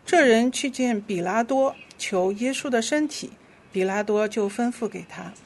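Woman reading scripture out loud at church, steady and clear, a little hiss behind. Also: a little high, normal speed. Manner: steady, clear reading aloud with small slips. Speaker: worship leader. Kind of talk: leading a responsive scripture reading.

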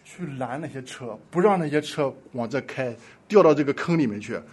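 A man preaching a sermon, telling a story with impassioned swings between loud pleading and hushed asides. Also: medium pitch, lively intonation, normal speed, slightly rough.

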